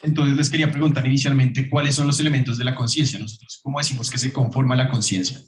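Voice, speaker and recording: A man lectures a class in a cavernous, echo-heavy room, each phrase trailing a long hollow reflection. His voice sits at an ordinary middle pitch and his manner is loose and chatty, full of fillers as he fires questions at his students. It sounds like a room mic catching a hybrid class with a Zoom feed. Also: steady tone, quick pace, crowd noise. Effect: heavy echo from a large room. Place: large classroom.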